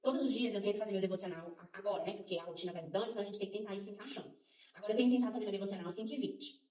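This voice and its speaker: Young woman talking fast about faith, laughs a lot, echoey room, mic kinda far. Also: mid-range voice. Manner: animated, laughing often, restarts phrases. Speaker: co-host. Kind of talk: casual faith chat. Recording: roomy, from some distance.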